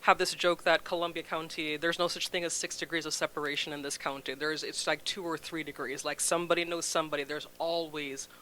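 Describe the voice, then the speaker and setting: A woman in her forties from Jamaica with a Jamaican accent, a guest chatting casually on a local talk show, laughing easily and trailing off softly. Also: low voice, steady tone, fairly quick, few pauses, poor audio. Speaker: guest from a food bank. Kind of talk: casual interview chat.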